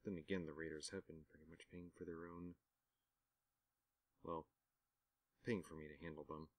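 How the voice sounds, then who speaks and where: A man with a very low voice talks through a game in a casual let's-play, his asides wry and self-mocking. The sound is dry and close, as if right at a desk mic. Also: level tone, moderate pace, no echo. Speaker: gaming commentator.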